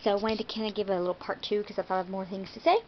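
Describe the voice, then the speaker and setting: A woman's voice: medium pitch, fairly even intonation, rapid-fire, dull audio, a little hiss or hum. An American woman talking to her viewers in a casual vlog, rambling a little with fillers and self-corrections. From United States. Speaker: vlogger.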